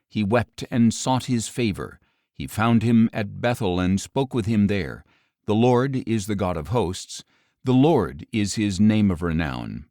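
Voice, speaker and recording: A man narrating an audio Bible in a measured, solemn scripted reading, his lines falling at the ends. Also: on the low side, dark tone, dry recording, clean studio sound. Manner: measured, solemn delivery with falling line endings.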